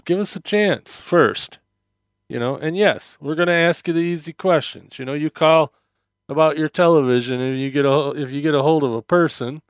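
A man's voice: on the high side, clean tone, no echo. A man hosting a casual solo podcast in a hesitant, meandering, conversational way, his mouth slightly numb from dental work, close on the microphone. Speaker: podcast host.

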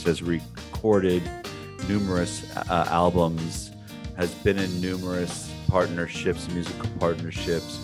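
Male host, very low voice, hesitant restarts, faint music behind. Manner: hesitant, with many restarts and fillers. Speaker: show host. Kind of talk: casual interview chat.

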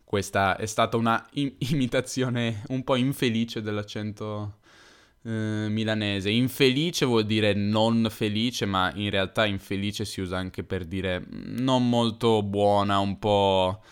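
A man from Turin with a Piedmontese accent, hosting an improvised podcast for language learners, explaining slowly and correcting himself. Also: on the low side, fairly even intonation, smooth. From Turin, Italy. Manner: unscripted, explains slowly, self-correcting and self-deprecating. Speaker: podcast host.

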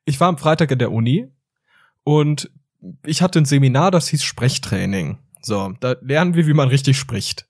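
A man in his twenties, co-hosting a podcast in casual chat, telling animated stories. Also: mid-range voice, moderate pace, dry recording, studio quality. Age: 20s. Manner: animated storytelling with acted quotes. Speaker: podcast host.

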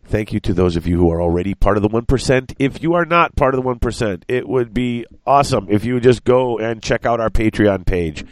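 Middle-aged man, low voice, congested chest cold, short of breath, rambling casual podcast chat. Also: lively intonation, a little fast, few pauses, no room sound. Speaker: podcast co-host.

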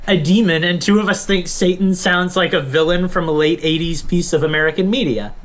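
A woman's voice: on the low side, brisk, background noise. A woman on a podcast, bantering playfully and laughing often. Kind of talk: casual podcast chat.

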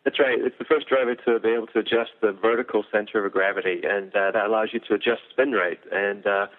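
A man's voice: lowish voice, steady tone, fast talker. A man, a golf equipment engineer, explaining driver technology in detail with frequent fillers. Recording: tinny phone-like audio.

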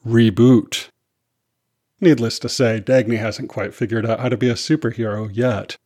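A man narrating a scripted children's story in an animated, expressive reading voice. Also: medium pitch, a little fast.

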